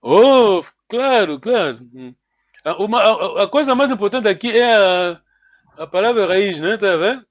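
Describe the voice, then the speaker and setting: A man teaching a language class over a call, repeating words slowly and checking in with "hein" after nearly every phrase. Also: high-pitched, lively intonation, dry recording, lo-fi sound. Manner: switches between French and Portuguese.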